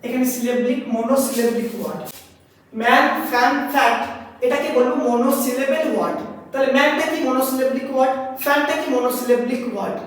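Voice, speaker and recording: A woman's voice: sits high, fast. A woman teacher with a Bengali accent explains step by step, asks her students questions and sounds out words syllable by syllable. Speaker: English grammar teacher. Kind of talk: classroom lesson. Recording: echoey hall, voice from a distance.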